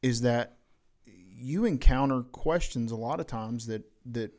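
A man with a mid-pitched voice and a light Southern accent hosts a relaxed podcast talk. He steers the discussion and keeps his guests going with steady murmurs of agreement. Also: measured pace. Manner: conversational, frequent affirming backchannels. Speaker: podcast host. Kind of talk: casual podcast conversation.

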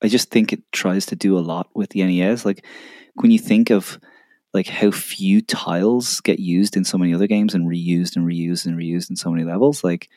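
A man's voice: sits low, fairly even intonation, normal speed, mellow, no room sound, studio quality. A man co-hosting a podcast, talking in thoughtful, analytical casual chat. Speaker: podcast co-host.

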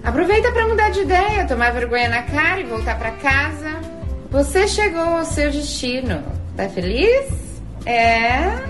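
A woman's voice: sits high, big pitch swings, measured pace. A woman voicing a mocking female GPS navigation voice that teases the driver in a mock-polite announcer tone, played as a clip with music behind.

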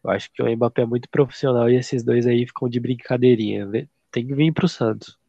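A man's voice: medium pitch, fairly even intonation, brisk, creaky, warm tone, no echo, lo-fi sound. A Brazilian man co-hosting a podcast in casual, slangy, opinionated football chat, his duck-like voice nasal and congested from a blocked nose. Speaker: podcast co-host.

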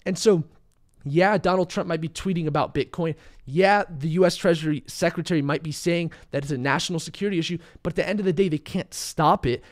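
Feeling unwell and a little hoarse, a young man speaks briskly in a fairly high voice. He confidently guides viewers through market charts in laid-back commentary.

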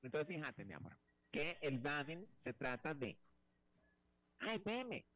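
A man's voice: fairly high pitch, very animated, slow pace, fairly bright tone. Flamboyant chatty male talk host. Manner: flamboyant, teasing, chatty with many restarts. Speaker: show host. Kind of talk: playful talk-show banter.

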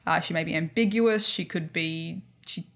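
A woman's voice: fairly low pitch, normal speed, fairly bright tone. An Australian woman co-hosting a podcast, chatting loosely and rambling as she explains, with frequent laughs. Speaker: podcast co-host. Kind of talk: casual explanatory chat.

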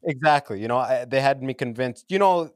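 A man's voice: medium pitch, a little fast, no room sound, clean studio sound. A man from Sudan in his thirties, a comedian guest chatting casually on a podcast from his basement, joking and laughing between lines. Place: home basement.

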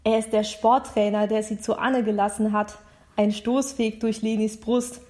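A woman reading a novel aloud in a steady narrating manner, sometimes repeating a sentence to correct it. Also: fairly high pitch, moderate pace.

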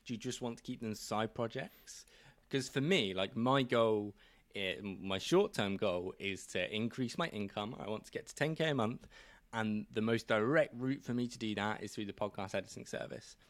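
A man's voice: fairly low pitch, moderate pace, dry recording. A man chatting casually on a podcast, laying out his plans and thinking aloud with fillers. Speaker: podcast host.

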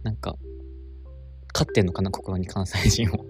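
A woman co-hosting a podcast in casual chat, easygoing and teasing, quick to laugh. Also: rumbling low, fairly even intonation, music in the background. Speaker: podcast co-host.

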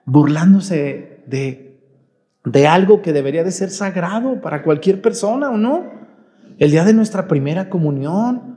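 Folksy priest preaching. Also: male voice, sits high, animated, moderate pace, mellow. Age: 40s. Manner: questioning the congregation directly, folksy. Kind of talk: sermon at Mass.

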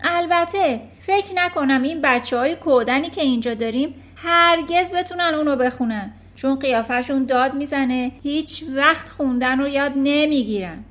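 A woman shouting as a furious, bullying headmistress. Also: sits high, hardly any pauses, pitched above the performer's own voice. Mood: scornful. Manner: shouting, blustering, insulting.

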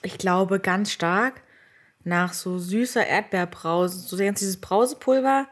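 Woman co-host, mid pitch, lively storyteller, quick to laugh. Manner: chatty, laughs easily, tells stories animatedly. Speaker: podcast co-host. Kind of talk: casual chat.

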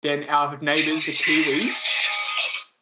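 A man's voice: on the high side, completely flat delivery, slow, muffled recording, music in the background. A man hosting a casual chat among friends, reading out a ranked list and teasing the others.

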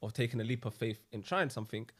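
A man's voice: medium pitch, quick pace, fairly bright tone. A young man with a London roadman accent and street slang, chatting casually on a podcast. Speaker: podcast participant.

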